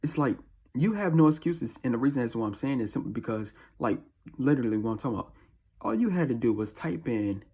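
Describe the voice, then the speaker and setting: A man with a deep, husky early-morning voice, chatting casually as a video host in a slangy, repetitive way. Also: animated, quick pace, darkish tone. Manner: slangy, informal, repeats catchphrases. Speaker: YouTube host. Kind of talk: casual chat to camera.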